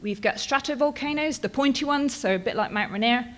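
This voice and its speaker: A high-pitched woman's voice, running a little fast, belongs to a Bristol-born presenter in her thirties with a British accent. She talks about her research at a conference in a casual, chatty way, with lots of ums and "right?" tags.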